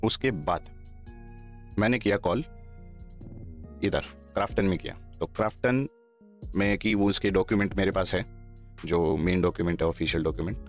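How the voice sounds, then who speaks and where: An esports player in his thirties talks bluntly and heatedly into a headset mic, sitting in a gaming chair in a small room and repeating himself to press his points during livestream talk and a call recording. His voice is low, at a moderate pace, with frequent pauses and faint music in the background.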